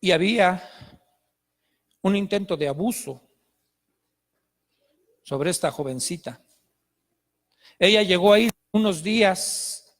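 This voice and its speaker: A man's voice: a little high, big-room sound. A male pastor, preaching a sermon with emphatic storytelling.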